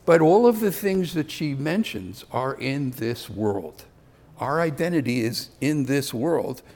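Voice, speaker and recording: A man's voice: medium pitch, animated, a little slow, a little mellow. An older man giving a conversational sermon, with self-deprecating asides. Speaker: preacher.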